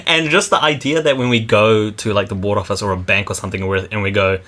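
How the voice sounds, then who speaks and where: A man co-hosting a vlog in casual chat, animated and laughing as he rants, out walking by a river. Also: on the low side, fast. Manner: animated, laughs while ranting. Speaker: vlog co-host.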